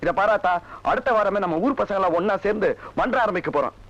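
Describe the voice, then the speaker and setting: Boastful young village son, high-ish voice, muffled old film audio. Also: male voice, fast talker, a bit bright. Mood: defiant. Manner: defiant, boastful. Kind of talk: Tamil film acting. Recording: dull lo-fi film soundtrack.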